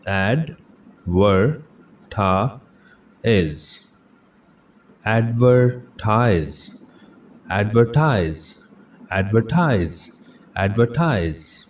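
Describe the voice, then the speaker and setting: Slow, deliberate male English tutor. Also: mid-range voice, darkish tone. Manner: slow, repeats each word several times. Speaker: English vocabulary teacher. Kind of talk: pronunciation lesson. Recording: slightly distant mic with faint background noise.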